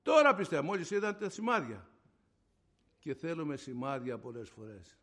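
A middle-aged man preaching a sermon and giving a personal testimony, swinging between loud outbursts and hushed low passages. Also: very animated.

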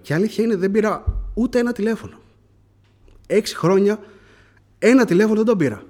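A man's voice: sits high, lively intonation, mellow. A man preaching a sermon, telling testimony to the congregation and calling them brothers, rising into fervent prayer.

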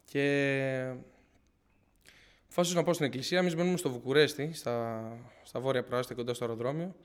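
A man's voice: mid-range voice, clear, resonant tone. A young man tells his congregation a personal faith testimony in an earnest, searching way. He circles back, restarts phrases and keeps retelling his own words as he goes. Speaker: church member giving testimony.

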